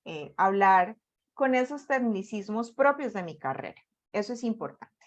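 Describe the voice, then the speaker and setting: A Colombian woman with a Colombian accent leading an online workshop on job interviews, speaking with lively, deliberately varied intonation. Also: mid-range voice. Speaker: workshop facilitator.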